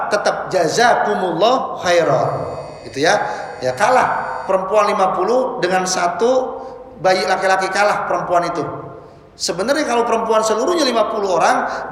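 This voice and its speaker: High-voiced preacher in an echoing hall. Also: male voice. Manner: animated, rhetorical questions, slow drawn-out Arabic phrases. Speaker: Islamic preacher. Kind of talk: sermon to a congregation. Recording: very echoey hall.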